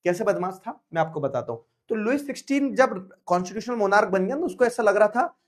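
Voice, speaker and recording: A man teaching an online history class in a playful way, mixing Hindi with English terms and slowly repeating key phrases. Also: high-pitched, lively intonation.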